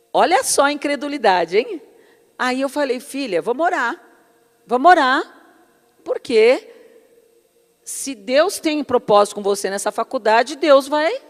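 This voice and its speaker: In a high voice trailed by long reverb, a woman delivers a fervent sermon woven with her own testimony, addressing her listeners as brothers and beloved.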